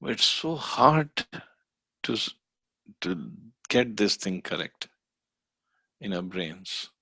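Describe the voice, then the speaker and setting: A man leads a scripture study class in a low, gravelly voice. He explains step by step, pausing on fillers as he goes. The sound is dry and close. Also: sing-song, bright, forceful tone, dry recording.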